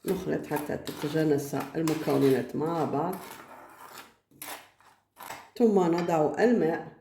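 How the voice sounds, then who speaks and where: A woman hosting a home cooking tutorial, slowly repeating each step of the recipe. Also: low-pitched, dark tone. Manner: slow, repetitive step-by-step instructions. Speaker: cooking channel host. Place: home kitchen. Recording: echoey kitchen, background noise. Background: pots and utensils clattering.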